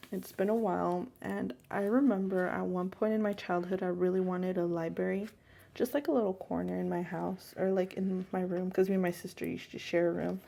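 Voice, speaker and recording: A young woman chatting casually while decorating a planner, rambling on and sometimes dropping to a hush. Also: fairly low pitch, gravelly. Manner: chatty, rambling, soft and hushed at times. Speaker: planner vlogger. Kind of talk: casual chat over plan-with-me crafting. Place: home room.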